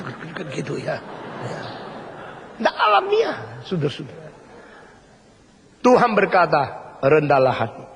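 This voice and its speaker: An older man preaches with emphatic repetition and pointed rhetorical questions to his congregation. His voice sits high and has a husky grain, and the sound carries a long echo from a large church hall. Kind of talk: sermon.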